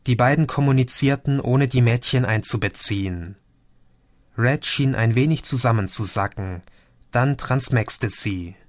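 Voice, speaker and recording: A man reading a science fiction audiobook as narrator, in a calm, measured storytelling manner. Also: mid-range voice, dry recording, studio quality. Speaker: audiobook reader. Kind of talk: scripted narration.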